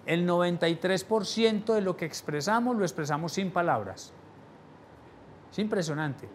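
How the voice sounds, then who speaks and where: A fairly high-voiced man giving a sales training lecture to a live audience, lively and expressive. He swings his volume, going quiet for the important points and lifting his voice again to pull the listeners along. Faint room noise sits behind him. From Latin America. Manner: animated, shifts volume for emphasis, drops voice low on key points; rhetorical questions to the audience.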